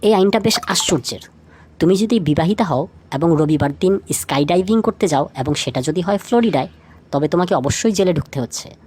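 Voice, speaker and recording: Narrating a light trivia feature from a script, this woman speaks in a slightly low, somewhat mellow voice with lively intonation and a brisk pace. She talks directly to the listener, asks questions along the way, and leads the video as its main narrator; a faint hiss or hum sits under the recording.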